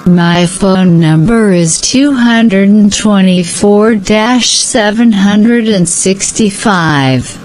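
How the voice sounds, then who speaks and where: A woman giving slow, scripted answers in a repeated language-practice dialogue. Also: medium pitch, a little mellow, poor audio.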